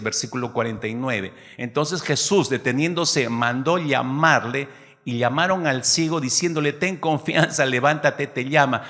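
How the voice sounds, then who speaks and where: A man preaching a sermon to his congregation, lively, acting out the voices of people in the story. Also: medium pitch, big-room sound. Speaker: pastor.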